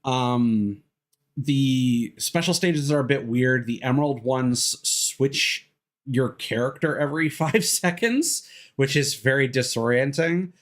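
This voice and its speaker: A video game streamer gives casual, rambling gameplay commentary in a slow, medium-pitched voice, sounding hesitant and drifting into tangents. Music plays behind him.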